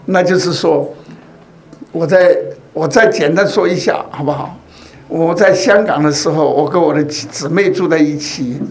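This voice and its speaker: A man's voice: sits high, a little mellow. A man giving a sermon in a conversational way, telling a personal story and often asking his listeners rhetorical questions. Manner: tells personal stories to make a point. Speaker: preacher.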